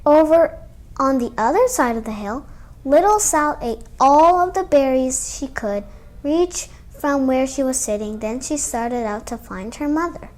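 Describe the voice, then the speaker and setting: Female read-aloud host for children's storytime, notably high voice, storytelling mixed with informal asides. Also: lively intonation, unhurried, darkish tone.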